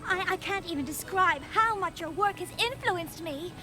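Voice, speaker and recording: A woman's voice: very high-pitched, normal speed, music in the background. A woman voicing a refined young female cartoon pony designer, theatrical, gushing and easily flustered. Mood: nervous, formal. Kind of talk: cartoon dub acting.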